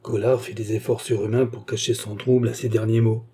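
A male audiobook narrator reads a novel in a measured, steady manner. His voice is very dark and husky, and he keeps an even, unhurried flow. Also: on the low side.

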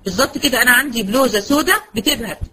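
A woman with an Egyptian Arabic accent teaching Quran recitation, patient and slowing right down to spell out sounds. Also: on the high side, pushed and bright, slightly rough, low-quality recording. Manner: patient, slows to a crawl when demonstrating words. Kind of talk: online Quran lesson.

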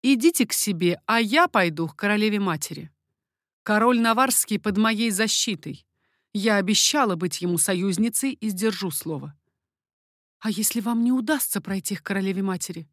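A woman's voice: mid-range voice, moderate pace, a bit bright, no room sound, clean studio sound, natural voice. A woman voicing a proud young queen in an audiobook, speaking firmly and imperiously. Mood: commanding.

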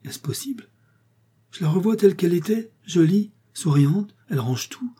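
A man reading aloud and voicing an excitable, portly middle-aged pharmacist who speaks in effusive exclamations. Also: sits high, moderate pace, breathy edge, pitched above the performer's own voice. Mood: stunned.

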